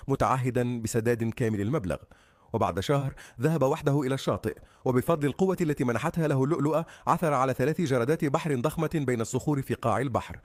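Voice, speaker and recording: A man narrating a story recap in a fast, scripted style, reading every character's lines in the same voice. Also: mid-range voice, no room sound. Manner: rapid, steady delivery that reads every character's lines in the same voice.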